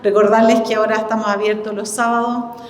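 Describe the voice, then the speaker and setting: Her voice is a little high and level in tone as this middle-aged Chilean-accented woman, the library's director, gives a casual opening address at an indoor exhibition. She halts while searching for words, and the recording carries the reverberant echo of the hall plus faint background noise.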